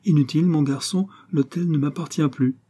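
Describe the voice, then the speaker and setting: This is a haughty, carefree young count from an old storybook, as a male reader puts him on. His tone stays lofty and teasing, pitched a little above the reader's own voice. The sound underneath is mellow and a touch husky. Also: brisk. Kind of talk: audiobook character reading.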